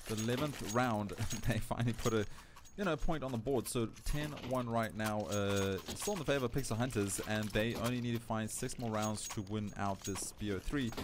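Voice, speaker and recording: A man with a South African accent doing play-by-play esports commentary, excitable and climbing in pitch at big plays. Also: normal speed. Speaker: esports caster. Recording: noisy stream audio with game gunfire. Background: game gunfire and clicks.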